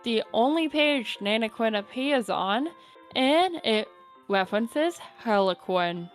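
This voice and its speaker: A woman streamer reading a webcomic aloud in a dry, low-key casual chat. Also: expressive, slow pace, soft background music.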